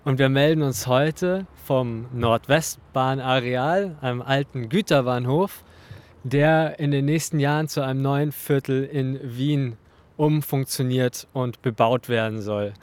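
A man hosts a festival radio program, reading his introduction in a calm, even way. His voice sits at an ordinary middle pitch.

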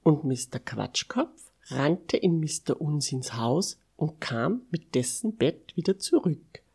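A woman reading a bedtime story to children, expressive and dropping to a whisper for asides. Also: deep voice, slow, vocal fry, breathy edge.

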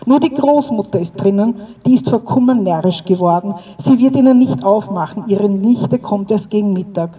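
A woman reading a story aloud and voicing a frightened but quick-witted woman caretaker who pleads with a police officer, her voice pitched up and pressing. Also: warm tone, lightly acted. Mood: urgent pleading. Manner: urgent, pleading, raised pitch. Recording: distant mic outdoors with faint ambience.

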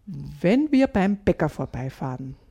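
A woman's voice: on the low side, big pitch swings, measured pace, mellow, slightly rough, voice pushed down, exaggerated voice. A woman reading a story aloud and voicing an eager, stubborn little boy. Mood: insistent. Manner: eager and insistent.

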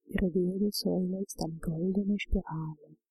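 A woman narrating a guided relaxation journey, giving calm, soothing instructions. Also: lowish voice, moderate pace, breathy edge, no echo, rough recording.

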